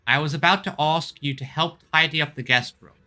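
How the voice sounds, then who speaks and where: A man's voice: fairly high pitch, a little fast, bright, forceful tone, faint music behind. A man giving casual commentary as he plays a game and reads its text aloud, sometimes stumbling over names. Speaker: game player and streamer.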